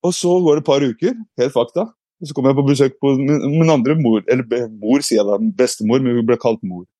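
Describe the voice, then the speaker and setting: A man's voice: medium pitch, mellow, no echo, studio quality. A man giving a casual explanatory talk, reflective, with frequent hesitations and restarts. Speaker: speaker.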